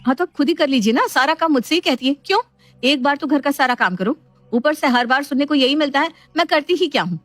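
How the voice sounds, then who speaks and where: An exasperated young wife in a cartoon story, answering back sharply in a fairly high voice, as a woman narrator plays her. The recording is dry and close. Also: lively intonation, quick pace, a bit bright, no echo, soft background music. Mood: snapping.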